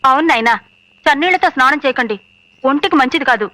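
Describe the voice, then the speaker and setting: A woman's voice: high-pitched, animated, fast talker, sharp tone, no echo. An actress playing a fussy, pious, motherly housewife who scolds and fusses. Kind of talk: film comedy acting.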